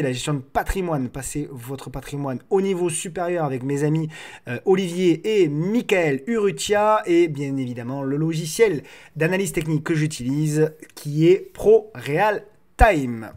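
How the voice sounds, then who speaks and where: Man, slightly high voice, market show host, casual commentary, hesitant repeated words. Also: animated, unhurried, a little mellow.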